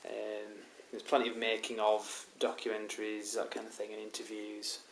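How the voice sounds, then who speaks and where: A man with a head cold rambles casually through a show-and-tell review of his DVD collection, full of ums and restarts. His voice is on the low side and completely flat at a moderate pace, and the recording has roomy echo and loud background hiss.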